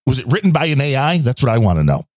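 A man's voice: medium pitch, very animated, very fast, a little mellow, no room sound. A chatty man with a mid-range voice, co-hosting a podcast and reading donor thanks. He rambles with wry asides, and his voice sounds dry and close. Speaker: podcast co-host.

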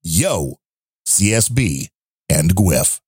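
Man voicing a grumbly ranting listener, low and subdued, dry sound. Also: big pitch swings, extremely slow, a little mellow, husky, no echo, full character voice. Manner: lower, subdued mock-serious reading.

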